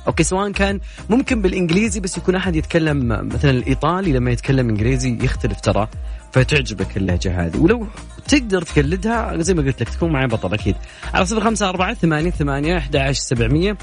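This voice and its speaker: A man hosts a radio talk show, chatting fast and teasing his co-host. His voice is lively and rather high for a man. Faint music plays behind him. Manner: playful, teasing, laughs often. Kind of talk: casual radio chat.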